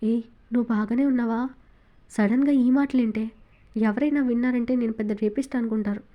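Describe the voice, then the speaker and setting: A woman voicing a teasing, quick-tempered young man in a romance audiobook, her reading lightly shaded. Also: a little high, fairly even intonation, highs cut off, natural voice. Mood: shocked. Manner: teasing, scolding.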